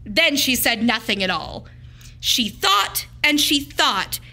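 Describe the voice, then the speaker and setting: Like a teacher at storytime, a woman reads a picture book aloud to young children in a high, bright voice. She takes her phrasing slowly and deliberately, shaping it dramatically with big swings in pitch.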